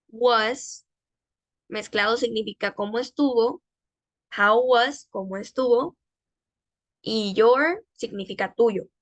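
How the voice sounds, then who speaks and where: A woman teaching English to Spanish speakers, drawing out model phrases slowly for students to repeat. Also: fairly high pitch, no room sound. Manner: slow, drawn-out model phrases for repetition.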